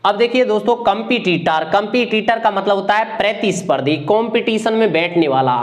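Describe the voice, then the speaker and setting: High-voiced guy from india teaching vocab for exams, says every word and meaning like five times. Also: moderate pace. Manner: repetitive, drills each word and meaning. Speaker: English teacher. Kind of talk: exam-prep vocabulary lesson.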